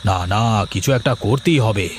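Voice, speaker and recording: A man's voice: lowish voice, lively intonation, moderate pace, a little hiss or hum, close to an everyday voice. A man voicing a lazy young village husband who schemes to steal fish for card games. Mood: sly. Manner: sly, plotting muttering. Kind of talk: cartoon voice acting.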